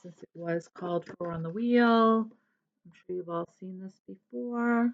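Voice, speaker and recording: A woman's voice: medium pitch, a little slow, vocal fry, lo-fi sound. A woman chatting casually as a cross-stitch vlogger, rambling a little and correcting herself as she goes. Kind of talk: casual show-and-tell chat.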